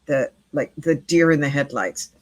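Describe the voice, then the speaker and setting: A woman's voice: sits low, moderate pace, darkish tone, dry recording. A middle-aged woman, a midwife and interview guest, telling a story earnestly and often repeating words as she goes.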